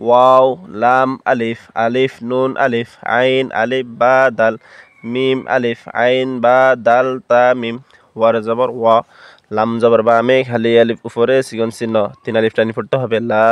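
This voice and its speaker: A man teaching Quran reading, spelling out letters and vowel marks one by one and then chanting the words slowly and drawn out. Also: mid-range voice, clean tone, no echo. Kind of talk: slow spelled-out Quran recitation lesson.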